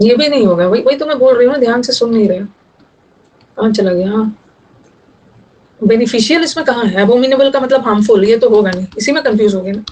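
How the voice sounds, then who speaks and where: A woman's voice: on the high side, fast, long pauses, darkish tone, rough recording. A young woman teaching English vocabulary in Hindi, explaining word meanings and teasing her students a little. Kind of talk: online vocabulary lesson.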